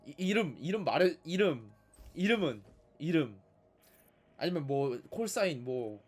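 A man's voice: on the high side, big pitch swings, unhurried, breathy edge, faint music behind. A man giving casual, sarcastic commentary as he plays a game, nagging and talking back at the characters. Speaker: gaming video host.

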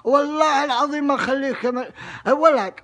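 A man's voice: extremely high pitch, fast talker, fairly bright tone. A young man playing a furious father who blusters and stammers threats during a prank phone call. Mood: threatening. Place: small indoor room. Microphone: phone camera at arm's length.

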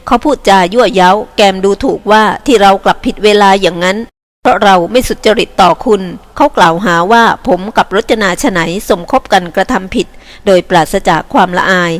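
An upright, earnest young man from a storybook, serious in how he speaks, as a woman reads him. The voice stays at a middle pitch, close to the reader's own. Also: brisk, lightly acted. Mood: indignant.

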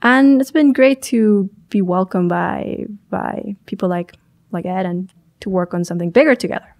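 A young Chilean startup founder is a guest on a podcast, recorded on a boom mic in a small studio. She speaks thoughtfully at a normal speed with a darkish tone, often restarting and correcting herself.

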